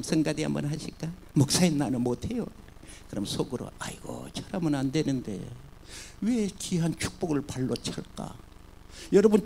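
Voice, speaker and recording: A male pastor preaching a sermon, swinging between loud exclamations and soft asides. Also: a little high, vocal fry.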